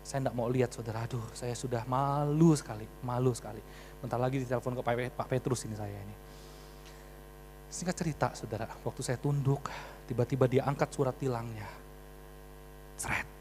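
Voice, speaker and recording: A man preaching a sermon, telling a story in a lively way and turning often to the congregation. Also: mid-range voice, fairly quick. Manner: lively storytelling, addresses the congregation as brothers and sisters. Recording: reverberant hall with mains hum.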